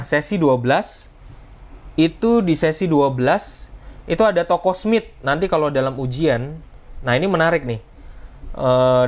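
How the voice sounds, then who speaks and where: A man giving a live online lecture in a loose, conversational way, full of fillers and restarts. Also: medium pitch. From Indonesia. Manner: casual, conversational teaching with frequent fillers and restarts. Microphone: video call. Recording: dull lo-fi video call audio.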